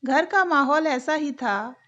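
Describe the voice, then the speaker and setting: A woman narrating a moral story in an even, deliberate way. Her voice is high and her pace unhurried. The recording sounds dull and lo-fi.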